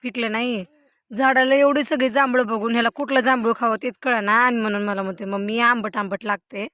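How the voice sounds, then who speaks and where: This casual farm vlog features a young woman speaking directly to the camera as she walks with her phone in hand. She sounds a little high and fairly bright, quick-paced and fairly even in intonation, with no room sound but faint wind and outdoor noise behind her.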